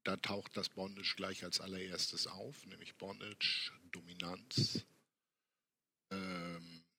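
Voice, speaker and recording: An older man talking casually as an interview guest, explaining things in a halting, conversational way. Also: low-pitched, flat delivery, gravelly, pushed and bright, husky. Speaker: podcast guest, workshop teacher.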